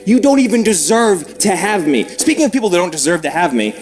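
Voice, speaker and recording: Brash, cocky high-voiced man. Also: very animated, brisk, faint music behind. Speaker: competitor in interview. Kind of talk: brash trash talk.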